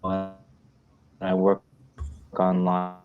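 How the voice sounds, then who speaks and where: Young guy from new york being interviewed, lower voice, thinks as he talks. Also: completely flat delivery, very slow, narrow, tinny audio, soft background music. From New York, United States. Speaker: guest writer. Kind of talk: interview conversation.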